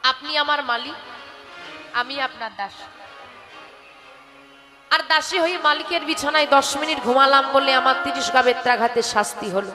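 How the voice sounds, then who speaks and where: A woman voicing a timid young servant girl who speaks softly and humbly, in a devotional kirtan storytelling performance. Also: sits high, normal speed, pauses often, big-room sound, music in the background, close to an everyday voice. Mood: sorrowful. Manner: soft, pleading, humble.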